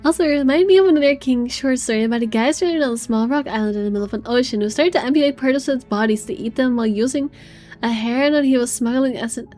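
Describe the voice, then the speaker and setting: High-voiced chatty woman streaming a game. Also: fast talker, darkish tone, faint music behind. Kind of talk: casual gameplay commentary and chat.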